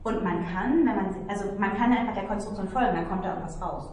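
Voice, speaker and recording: A woman's voice: mid-range voice, fast talker, darkish tone. A woman lecturer patiently explaining algebra in a tutoring session, thinking aloud as she goes. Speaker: mathematics lecturer. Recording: echoey room, mic far off, faint noise.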